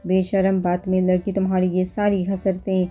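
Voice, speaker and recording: A woman's voice: fairly low pitch, monotone, mellow, faint music behind, lightly acted. A woman reading a storybook novel, voicing a cold, short-tempered young man who speaks in a cutting tone.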